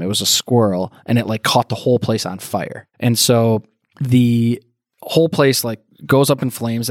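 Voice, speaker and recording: A man's voice: fairly low pitch, no room sound, clean studio sound. A man co-hosting a casual podcast, joking and laughing easily as he chats. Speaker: podcast co-host.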